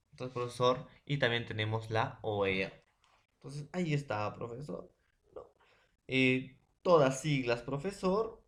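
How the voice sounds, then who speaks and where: A Peruvian man gives a secondary school language lesson. His voice sits at a middle pitch, and he circles back over each point, tagging questions onto nearly every sentence. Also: a bit bright. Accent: Peruvian Spanish. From Peru. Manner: repetitive, keeps adding tag questions and "profesor". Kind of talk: remote class lecture.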